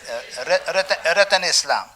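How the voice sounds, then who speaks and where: A man with a Québécois French accent preaching a sermon as pastor, animated, with frequent fillers and restarts. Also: sits high, normal speed. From Canada. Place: church.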